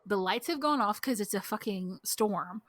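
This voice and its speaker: A young woman, co-hosting a podcast and telling a story in casual chat, animated and full of "like", acting out what people said. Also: medium pitch, normal speed, no room sound. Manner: animated, heavy use of "like", acts out quotes. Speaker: podcast co-host. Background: dog barking outside.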